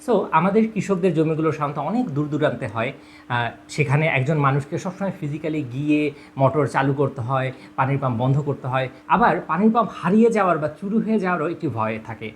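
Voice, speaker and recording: Here a man's fairly high, expressive voice moves quickly through a product demonstration. As the presenter, he speaks straight to viewers and breaks things down one step at a time; ambient sound and clear background noise are present in the recording.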